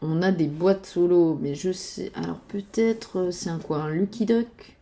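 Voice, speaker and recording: A woman's voice: lowish voice, a little slow, dark tone. A woman chatting casually about board games while searching websites, hesitating with many fillers and muttering to herself. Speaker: board game youtuber.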